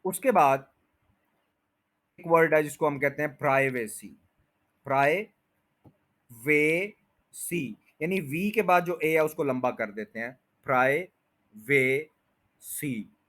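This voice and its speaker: A man's voice: a little high, expressive, normal speed, fairly bright tone. A man teaching English pronunciation, patiently repeating each word and stretching its syllables. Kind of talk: pronunciation lesson explained in Urdu/Hindi.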